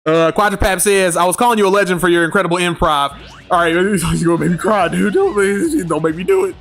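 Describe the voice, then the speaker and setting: A man streaming a game, chatting casually and telling stories in animated slang, laughing often. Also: high-pitched, fast, soft background music. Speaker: gaming streamer. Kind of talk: casual livestream chat.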